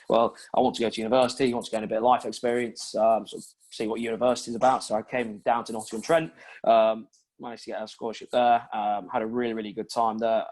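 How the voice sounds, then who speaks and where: A man's voice: lowish voice, darkish tone. A young man in his twenties from Yorkshire, answering interview questions in a chatty way with many ums. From Yorkshire, England. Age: 20s. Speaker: recruitment consultant, interviewee.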